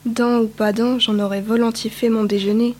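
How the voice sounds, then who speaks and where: Husky boastful rabbit, male, smoker, pitched a bit high, read by a woman. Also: little pitch movement, moderate pace, warm tone, close to an everyday voice. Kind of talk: storybook read-aloud.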